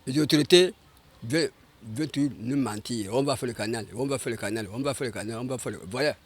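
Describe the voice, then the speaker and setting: A man's voice: medium pitch, fast, breathy edge. A man, a resident interviewed outdoors about flooding, speaking indignantly and repeating himself. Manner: indignant, repetitive. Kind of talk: street interview.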